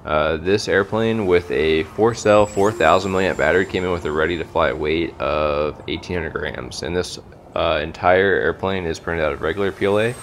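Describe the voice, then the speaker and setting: A man giving a casual voice-over for his hobby video, relaxed and full of uhs. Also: deep voice, normal speed, a little hiss or hum. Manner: relaxed, many filler uhs. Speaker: RC hobby channel host.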